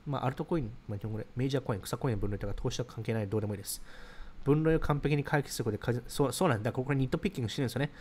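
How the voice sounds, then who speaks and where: Thirties male stream host, rapid chatty delivery, mid-pitched, reads and answers comments. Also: darkish tone, husky. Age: 30s. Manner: rapid, chatty, explains ideas while reacting to comments. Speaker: livestream host reading viewer comments. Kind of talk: casual livestream chat.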